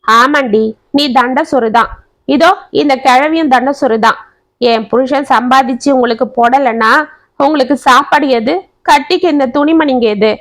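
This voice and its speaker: A woman's voice: sits high, moderate pace. A woman voicing a scornful, quarrelsome young wife. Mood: scornful shouting. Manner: scornful, shouting, insulting. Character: sharp-tongued young wife, quarrelsome daughter-in-law.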